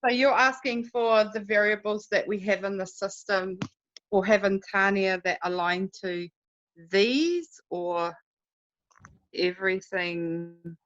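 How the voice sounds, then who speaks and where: A woman leading a casual work meeting over a video call, explaining things step by step in a brisk way. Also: mid-range voice, fairly bright tone. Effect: heard over a video call. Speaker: project lead in a work meeting. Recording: dull lo-fi video call audio.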